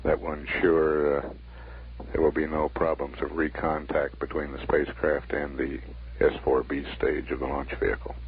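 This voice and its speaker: A man giving formal spaceflight status commentary as a mission control announcer, measured, factual and deadpan. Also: a bass voice, husky. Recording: narrow 1960s broadcast line, faint noise.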